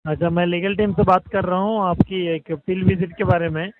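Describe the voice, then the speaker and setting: Brief: higher-voiced male agent, insistent, thin phone-line sound. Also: steady tone, a little fast, no echo. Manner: demands respect, insistent. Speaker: collection agent. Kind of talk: phone argument.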